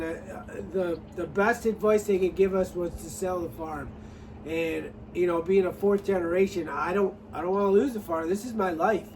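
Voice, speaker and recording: A middle-aged man, a farmer, telling his story in a rambling, halting way with many restarts and some dry sarcasm. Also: high-pitched, distant mic, slight background noise, poor audio. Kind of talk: casual personal story to camera.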